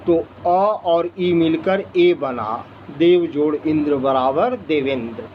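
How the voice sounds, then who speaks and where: A man teaching grammar. He talks deliberately and repeats each rule with worked examples. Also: fairly high pitch. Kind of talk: slow classroom explanation. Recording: dull lo-fi recording with faint background noise.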